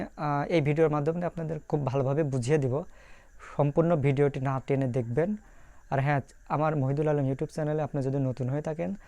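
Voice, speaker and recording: A man teaching an online language lesson, repeating each phrase slowly with frequent "ah" fillers. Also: a little high, a little mellow, no room sound.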